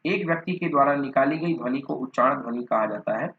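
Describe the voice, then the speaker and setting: Hindi teacher reading out a lecture. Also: male voice, medium pitch, fast talker. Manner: lists terms one by one, repeats and corrects himself. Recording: dull lo-fi recording.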